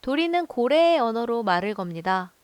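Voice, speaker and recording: A woman narrating a film review in a calm, measured storytelling voice. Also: fairly high pitch, clear, resonant tone, no echo, soft background music. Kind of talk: scripted voice-over narration.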